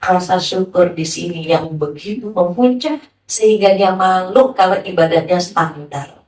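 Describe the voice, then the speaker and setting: A woman preacher giving a sermon to a gathering, talking in a lively way and asking many rhetorical questions. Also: on the low side, moderate pace. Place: hall with a listening audience. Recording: roomy, from a distance.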